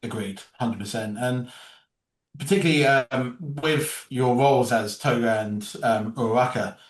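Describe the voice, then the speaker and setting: A man's voice: medium pitch, measured pace, recorded from a distance. A man hosting an interview, asking friendly questions with many fillers. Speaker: interview host. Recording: roomy sound from off-mic.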